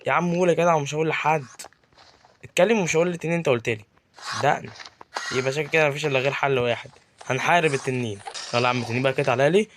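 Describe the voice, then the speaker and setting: Young egyptian man, gaming commentary, rapid-fire chatter, slightly high voice, faint background hiss. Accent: Egyptian Arabic. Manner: joking, chatty, talks to game mobs as if interviewing them. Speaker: gaming YouTuber. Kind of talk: casual gameplay commentary.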